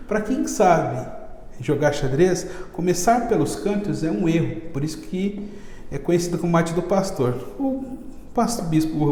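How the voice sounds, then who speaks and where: A man with a Brazilian accent, a chess teacher chatting casually in an interview and telling stories in a lively, slangy way. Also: high-pitched. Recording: echoey room with long reverb.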